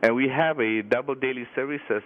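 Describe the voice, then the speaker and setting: A man speaking as an airline guest in a radio interview, promoting in a halting, repetitive way. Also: mid-range voice, a little hiss or hum. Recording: tinny phone line.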